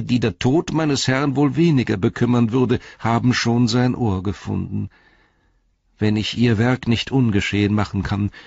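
A man playing a cringing, scheming adviser who draws his words out slowly and creeps up in pitch. The voice is husky and slightly set back, in a dry, dull recording. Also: a little mellow, no echo. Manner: wheedling, drawn-out. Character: sly, cringing male royal adviser, treacherous.

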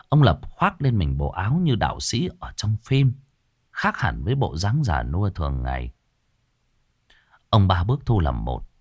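A man narrating a horror story in an expressive, dramatic way. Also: deep voice, dry recording, studio quality.

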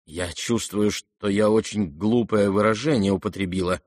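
A man's voice: fairly low pitch, normal speed, a little mellow, no echo, clean studio sound, natural voice. A man reading aloud and voicing a proud, irritable young noblewoman who speaks sharply and indignantly. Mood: embarrassed.

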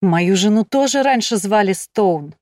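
A woman's voice: mid-range voice, animated, a little slow, a little mellow, no echo, natural voice. A courteous young nobleman, read by a woman narrator, speaks politely and eagerly, a touch raised. The recording is close and dry.

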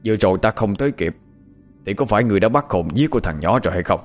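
A man's voice: on the low side, expressive, very fast, faint music behind, natural voice. A man voicing a stern, commanding older exorcist who scolds and chants spells.

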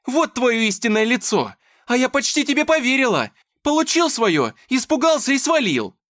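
A man voicing a heartbroken, furious young woman who shouts in a shrill, high voice. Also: very animated, normal speed, no echo, clean studio sound, exaggerated voice. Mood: furious shouting.

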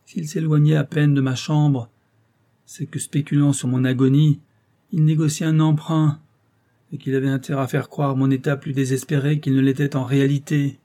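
A man voicing an anguished middle-aged contractor father in an audiobook, speaking loudly in a hoarse, clipped, emphatic way. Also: medium pitch, little pitch movement, moderate pace, voice pushed up, lightly acted. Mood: grieving. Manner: loud, grieving, emphatic pleading. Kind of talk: audiobook character voice.

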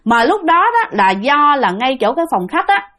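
Speaking straight to her audience, a woman tells a ghost story in a chatty style. Her high-pitched voice has a sharp tone and wide swings in pitch, delivered at normal speed.

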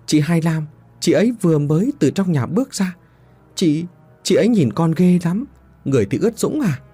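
A man's voice: fairly high pitch, sing-song, a little fast, mellow, husky, no room sound, faint music behind, voice pushed up. A man voicing a frightened little village boy who whimpers and pleads. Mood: terrified.

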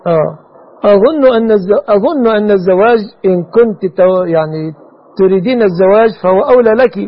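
High-voiced sheikh, measured and formal. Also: male voice, lively intonation. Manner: measured, formal, repeats key phrases. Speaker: sheikh answering callers' religious questions. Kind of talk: call-in religious advice. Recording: muffled radio broadcast.

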